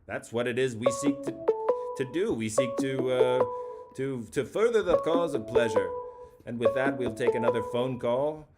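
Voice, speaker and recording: A man's voice: medium pitch, expressive, moderate pace, loud music behind the voice. A man hosting a comedic call-in show, talking in a mock-grandiose, rambling way that circles back on itself. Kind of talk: comedic late-night call-in talk.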